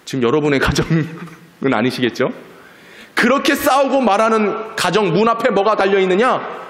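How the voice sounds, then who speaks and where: A man's voice: high-pitched, animated, normal speed, a bit bright. A man in his forties preaching a sermon, telling stories and acting out quarrels in quoted voices. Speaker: pastor. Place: church sanctuary. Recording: echoey church hall.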